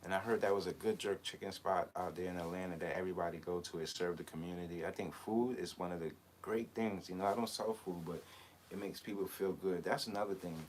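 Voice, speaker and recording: Host type: low-voiced man from Barbados, loose unscripted live-stream chat, lots of "um"s, faint noise in the background. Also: steady tone, fast. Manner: rambling, with many hesitations and fillers. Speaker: clothing brand designer hosting a live chat. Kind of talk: casual live-stream talk.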